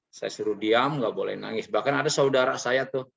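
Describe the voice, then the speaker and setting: A man earnestly sharing a personal testimony, halting and confessional, with frequent filler sounds. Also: mid-range voice, vocal fry, slightly rough, lo-fi sound. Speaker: training participant sharing his experience.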